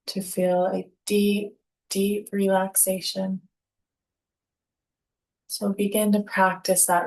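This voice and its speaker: In a low-quality recording, a woman with a mid-range voice leads guided yoga nidra relaxation as the instructor. She keeps her tone calm, using short, deliberate phrases broken up by pauses.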